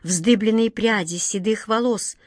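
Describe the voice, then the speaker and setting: A woman's voice: mid-range voice, a little slow, no room sound, studio quality. Woman reading a fairy tale. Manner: expressive storytelling. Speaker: audiobook narrator.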